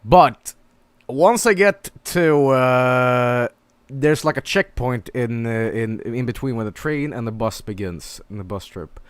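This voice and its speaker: A man's voice: medium pitch, takes it slowly, smooth, no room sound. A young man streamer telling a story casually to his viewers, exasperated and swearing, acting out his own panicked lines. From Sweden.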